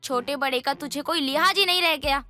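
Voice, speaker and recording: A woman voicing a stern middle-aged mother-in-law in an animated story, firm and scolding. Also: high voice, a little fast, soft background music. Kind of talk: animated cartoon voice acting.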